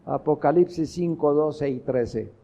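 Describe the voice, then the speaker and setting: A man's voice: fairly high pitch, measured pace, mellow, muffled recording. A man preaching a sermon as pastor, earnest, asking rhetorical questions of the congregation.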